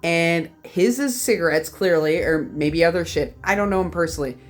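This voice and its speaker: In a casual vlog with faint music behind her, a young Canadian horror collector shares a meandering, foul-mouthed story about a convention. She's a bit tipsy from whiskey, speaks at normal speed, and her pitch leaps animatedly.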